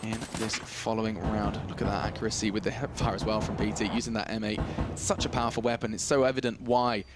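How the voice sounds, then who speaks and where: A man giving play-by-play commentary on an esports match, getting excited and climbing in pitch at the big plays. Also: quick pace, few pauses, heavy background noise.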